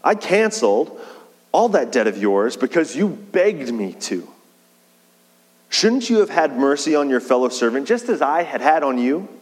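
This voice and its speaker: A man's voice: medium pitch, very animated, unhurried. A man voicing an angry king who sternly rebukes a merciless servant, in a hall with long reverb. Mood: indignant.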